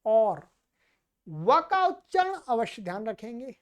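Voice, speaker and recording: एक महिला शिक्षिका जो मंत्र धीरे-धीरे उच्चारण करके सिखाती है और बीच में जल्दी-जल्दी समझाती है।. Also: female voice, on the high side, very animated. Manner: chants slowly and loudly, then explains quickly. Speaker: teacher of Vedic mantra pronunciation. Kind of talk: recitation lesson.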